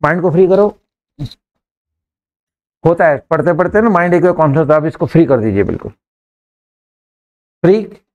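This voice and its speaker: An English teacher, coaxing his students through sentences and repeating them slowly word by word in a live class. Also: a little high, a little mellow, highs cut off, slight background noise.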